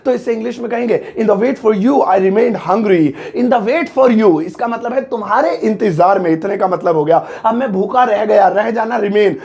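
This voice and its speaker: A man with an Indian accent teaching English vocabulary in a playful, joking way and slowing right down for English phrases. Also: high-pitched, gravelly, a little mellow. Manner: playful, jokey teaching with small laughs and slow, drawn-out English phrases. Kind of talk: Hindi-language English vocabulary lesson.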